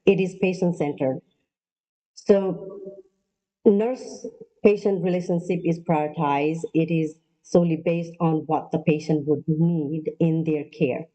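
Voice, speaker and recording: A woman from Nepal giving an online lecture as a nurse practitioner, pausing often with ums and uhs. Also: deep voice, fairly even intonation, dark tone, rough recording. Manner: halting, many ums and uhs. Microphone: video call.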